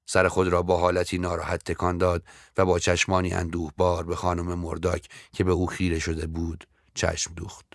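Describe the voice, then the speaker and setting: A man reads a story aloud in a measured, even voice. His voice sits very low, and the recording is dry and close. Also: no room sound. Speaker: narrator. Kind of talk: scripted audiobook narration.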